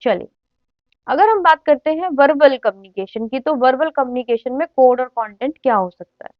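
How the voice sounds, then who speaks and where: High-pitched woman teacher, dull dry recording. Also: animated, dry recording. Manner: mixes Hindi with slow, deliberate English phrases and keeps checking that students follow. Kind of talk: classroom lecture explaining communication skills.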